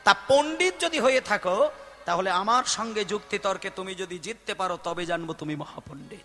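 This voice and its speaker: A man gives a dramatic devotional sermon and tells the story with sharp swings between loud, high outbursts and hushed lines. His voice sits high and bright. It rings through a reverberant hall with faint music underneath. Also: fairly quick. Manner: dramatic, acts out characters' speech with big swings in pitch and loudness. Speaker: kirtan singer and preacher.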